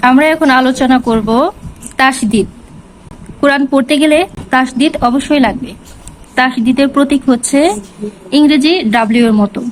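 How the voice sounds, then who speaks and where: A woman teaching Quran reading step by step, slowly repeating each syllable in drills. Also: high-pitched, a little hiss or hum, rough recording. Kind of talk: step-by-step lesson.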